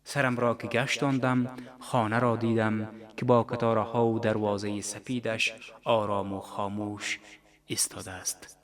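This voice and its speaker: A man reading a literary story on radio, calm and measured. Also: lowish voice. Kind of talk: scripted literary narration.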